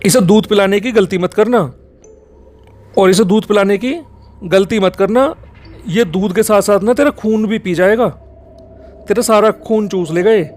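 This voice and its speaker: Harsh scolding mother-in-law of a village, read by a high-voiced man telling a story. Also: a little slow, long pauses. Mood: stern warning. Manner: scolding, warning.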